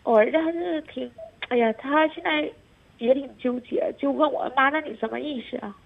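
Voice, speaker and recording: A woman's voice: high-pitched, brisk, creaky. A woman, calling into a radio show, hesitant and stammering. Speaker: caller. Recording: tinny phone line.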